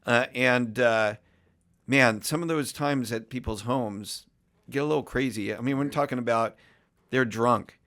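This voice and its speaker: A middle-aged man hosts a casual interview. His voice sits at an ordinary middle pitch, and he steers the talk with relaxed, conversational questions. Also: measured pace. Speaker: podcast host.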